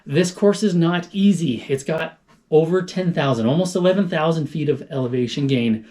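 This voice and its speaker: A man's voice: fairly high pitch, moderate pace, mellow. A man talking casually to camera as a running vlogger, explaining things informally and thinking aloud. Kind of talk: casual vlog talk to camera.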